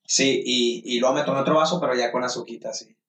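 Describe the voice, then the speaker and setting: A man's voice: medium pitch, fairly even intonation, fast, fairly bright tone. A man with a Mexican Spanish accent, co-hosting a casual podcast and telling crude, slangy jokes among friends. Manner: crude slangy storytelling, laughs often. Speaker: podcast co-host. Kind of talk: casual joking chat with friends. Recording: echoey room, distant mic, faint noise.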